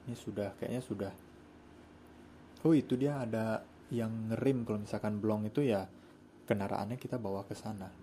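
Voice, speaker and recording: A young man gives loose, slangy commentary as he drives in a game. His voice sits low and mellow, and faint game noise hums behind him. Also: normal speed, long pauses. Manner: relaxed slangy chatter while playing. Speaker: gaming channel host.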